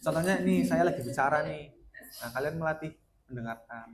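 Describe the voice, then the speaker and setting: Male school counselor, relaxed classroom guidance talk, plenty of questions to the kids, student chatter around him. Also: a little high, brisk. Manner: casual, keeps asking students questions. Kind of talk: classroom group guidance lesson. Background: students talking and answering.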